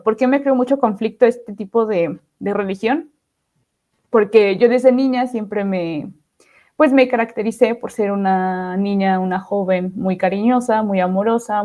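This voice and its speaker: Reflective woman, mellow voice. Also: medium pitch. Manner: reflective, often ends phrases with "¿no?". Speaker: podcast guest. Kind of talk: testimony interview.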